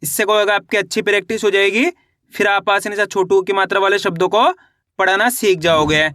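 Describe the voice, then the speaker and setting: A man teaching Hindi reading in a slow phonics lesson. He sounds out each syllable and blends them into words. He encourages viewers as friends. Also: high-pitched, fairly even intonation, sharp tone, dry recording, clean studio sound.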